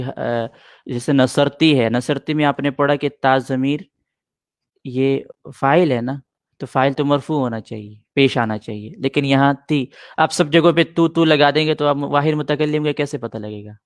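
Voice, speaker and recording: A man's voice: medium pitch, steady tone, no echo, studio quality. A middle-aged man teaching an Arabic grammar lesson in a patient way, repeating points and answering students' questions.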